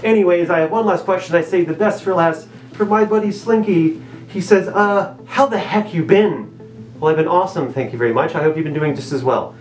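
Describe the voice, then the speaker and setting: A man's voice: sits high, a little fast. Young guy, voice muffled inside a mask head, laid-back and self-deprecating, echoey room with faint music. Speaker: vlogger answering viewer questions. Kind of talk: casual Q&A vlog.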